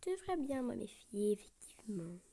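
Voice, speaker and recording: A woman's voice: on the high side, big pitch swings, normal speed, dark tone, husky. A young woman giving casual let's-play commentary, chatty and playful, often dropping to a whisper. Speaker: gaming video creator.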